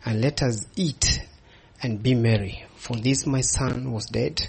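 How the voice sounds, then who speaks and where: A man preaching in English, reading scripture aloud in short halting phrases and pausing for an interpreter. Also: mid-range voice, vocal fry, a little mellow, breathy edge. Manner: reads scripture haltingly, with restarts and pauses for the interpreter. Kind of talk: sermon with live interpretation.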